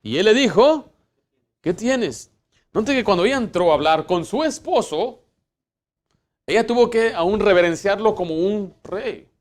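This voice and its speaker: A man's voice: high-pitched, animated, normal speed. Preaching man with a raised voice. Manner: emphatic preaching, rising for Bible quotes and dropping to hushed asides; fillers and restarts. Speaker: pastor. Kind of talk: sermon. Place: church.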